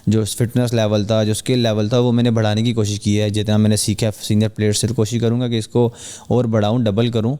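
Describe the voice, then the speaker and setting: A young man from Pakistan, a cricketer guest on a podcast, speaking in an earnest, measured way with hesitant fillers. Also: lowish voice, little pitch movement, warm tone, clean tone. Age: young adult. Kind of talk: podcast interview.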